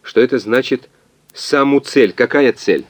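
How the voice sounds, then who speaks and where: Man voicing irritable male scientist, impatient, sharp, audiobook. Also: medium pitch, a little slow, no room sound, voice pushed up, close to an everyday voice. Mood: irritated. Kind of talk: audiobook reading.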